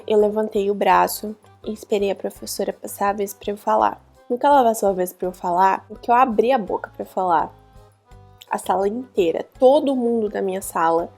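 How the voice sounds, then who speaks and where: A young woman from Brazil telling a personal story to camera as a vlogger, earnest and emotional, with pauses and restarts. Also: mid-range voice, vocal fry, a little mellow.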